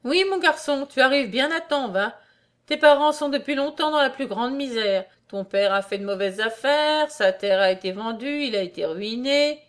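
A kindly old man who walks on crutches, fussing over everyone in a storybook reading, as a woman puts him on. He talks in a fatherly, exclaiming way, with a raised, fairly high voice. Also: lightly acted.

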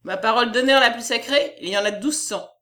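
Brief: a woman putting on a pompous, bossy male publisher, condescending and loud, storybook reading. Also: fairly high pitch, a little fast, pitched above the performer's own voice. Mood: boastful. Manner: boastful, condescending. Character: pompous fat middle-aged male publisher, domineering.

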